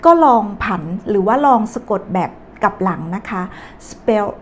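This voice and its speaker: A woman teaching English phrases in a casual, chatty lesson, slowing down to explain words. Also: mid-range voice, a little hiss or hum.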